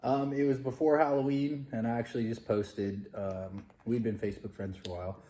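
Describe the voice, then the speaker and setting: A man's voice: mid-range voice, flat delivery, brisk, dark tone, echoey room, slight background noise. A man chatting casually with his fiancée, playful and jokey as he tells their story while eating. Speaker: fiancé co-host. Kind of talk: casual chat.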